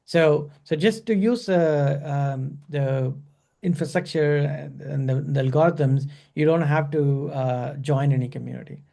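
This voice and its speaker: A man leading an online class over a video call. His voice is gravelly and mellow and sits a bit high for a man. He talks in a halting way, full of fillers and restarts. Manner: hesitant, many fillers and restarts. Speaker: instructor.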